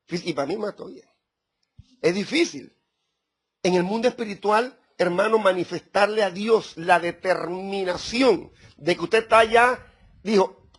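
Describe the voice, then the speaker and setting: A man's voice: sits high, fairly bright tone, husky. A middle-aged man preaching a sermon, speaking directly to his congregation with rising emphasis. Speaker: pastor.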